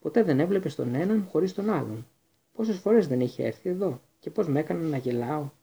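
A man voicing a friendly, gossipy female innkeeper in a storybook, raising his dark voice. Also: on the high side, expressive, gravelly, breathy edge, highs cut off, voice pushed up, exaggerated voice. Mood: chatty.

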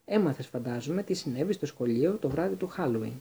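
A man voicing a pompous middle-aged wizard minister in a storybook, smooth and confiding, buttering people up, with a dark, husky tone that sounds mellow and a little breathy. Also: fairly high pitch, lively intonation, exaggerated voice.

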